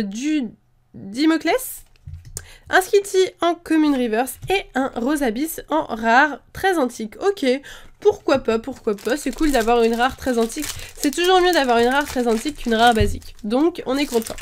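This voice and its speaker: A woman talks her way through an unboxing in a high, light voice. She chats casually and thinks aloud, often stopping to restart a sentence or fill a pause. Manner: chatty, thinks aloud with many fillers and restarts. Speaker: YouTuber opening trading card packs.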